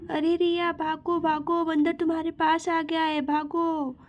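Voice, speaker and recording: A woman's voice: very high-pitched, little pitch movement, measured pace, slight background noise. A woman voicing a playful, chatty little girl in a doll story. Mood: excited.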